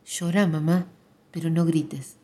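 A woman voicing a grieving middle-aged widow who speaks flatly and firmly. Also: sits low, slow, breathy edge, exaggerated voice. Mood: numb firmness.

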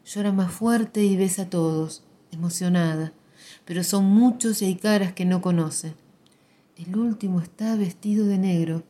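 Quiet, mellow woman narrator. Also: lowish voice, moderate pace. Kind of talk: literary reading.

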